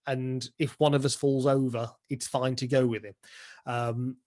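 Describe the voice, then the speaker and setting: A British pantomime dame and director is interviewed casually about stagecraft, talking enthusiastically and offering plenty of illustrative examples. His medium-pitched voice is darkish in tone, with a flat, unhurried delivery.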